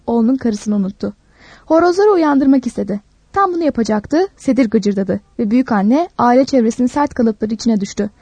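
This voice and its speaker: Woman reading a story calmly. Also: fairly high pitch, slightly rough, dry recording. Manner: calm, measured reading. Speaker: narrator.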